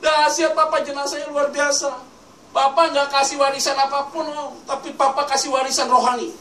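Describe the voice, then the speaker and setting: A male preacher voicing a grieving adult daughter, speaking in a high, excited, pleading way with a lilt. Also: measured pace. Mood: emotional praise. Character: grieving adult daughter, tearful yet proud. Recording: echoey hall mic from a distance with ambient noise.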